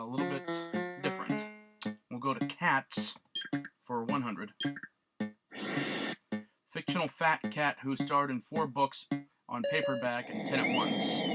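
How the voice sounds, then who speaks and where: A man casually commenting on a retro quiz game, reading the clues aloud and joking about his guesses. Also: mid-range voice. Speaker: let's play gamer. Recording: loud chiptune game music behind voice. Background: beeping retro game music.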